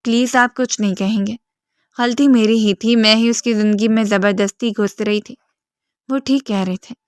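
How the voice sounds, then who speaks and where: A woman voicing a devoted young woman of twenty-one who pleads softly. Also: fairly high pitch, steady tone, no echo, clean studio sound, close to an everyday voice. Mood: pleading. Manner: pleading, soft.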